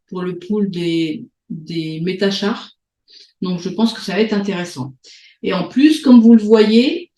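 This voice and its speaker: Une femme qui anime une réunion en ligne et présente sur un ton détendu, avec beaucoup d'hésitations et de reprises. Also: female voice, medium pitch, warm tone, roomy sound, rough recording. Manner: hesitant, many fillers and restarts. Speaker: host of an online meeting. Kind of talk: casual presentation on a video call. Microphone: video call.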